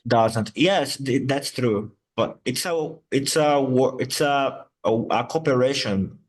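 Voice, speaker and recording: Patient and unhurried, a male English teacher, a native Portuguese speaker, draws out his words and repeats them many times so learners can hear their sounds. His pitch is an ordinary middle range, and the setting is an online English lesson.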